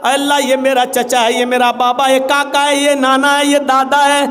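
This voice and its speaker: A man's voice: extremely high pitch, completely flat delivery, a bit bright. A preacher voicing a desperate man who pleads frantically with God on judgment day. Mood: frantic pleading. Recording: echoey hall.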